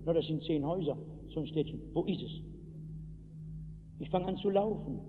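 A man preaching an evangelistic sermon to a hall, telling stories from his own life and breaking into acted shouts. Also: a little high, lively intonation, normal speed, music in the background. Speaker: pastor. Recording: tinny lo-fi hall recording with hiss.

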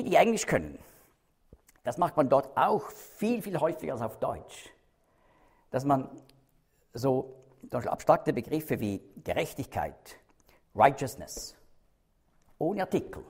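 A man's voice: medium pitch, sing-song, slow pace, long pauses, darkish tone, breathy edge. A man teaching a Bible study, explaining carefully, stressing key words and checking in with his listeners.

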